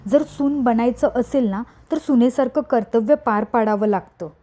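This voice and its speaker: A firm young wife standing her ground, read out by a woman narrator. The voice is a touch high and warm, with an even delivery. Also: normal speed, natural voice.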